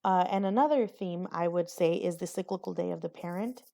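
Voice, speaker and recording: A woman's voice: fairly low pitch, fairly quick, gravelly, dark tone. A young woman giving a recorded class presentation on a poem, hesitant, with many fillers and restarts. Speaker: student presenter.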